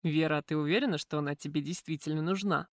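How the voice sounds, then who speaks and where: A woman voicing a calm, cautious husband who speaks in a measured, slightly lowered voice in an audiobook. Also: dry recording, studio quality, close to an everyday voice.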